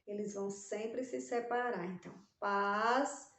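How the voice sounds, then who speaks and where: A woman's voice: a little high, measured pace, darkish tone, echoey room. A Brazilian woman teaching young children in a recorded lesson, drawing out syllables with a sing-song stress on key words. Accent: Brazilian Portuguese. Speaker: primary school teacher.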